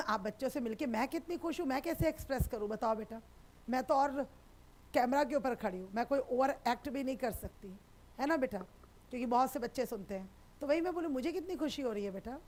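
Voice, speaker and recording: High-voiced woman teacher, reassuring. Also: lively intonation, fairly quick, a little mellow. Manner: affectionate, reassuring, calls students beta. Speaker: sociology teacher. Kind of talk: live online class chat with students.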